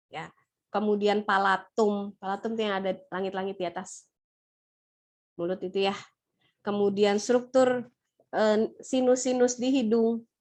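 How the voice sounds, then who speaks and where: A woman lecturing nursing students in an online class, asking them questions in a brisk, playful way. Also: a little high, a little mellow. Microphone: laptop or webcam mic on a video call.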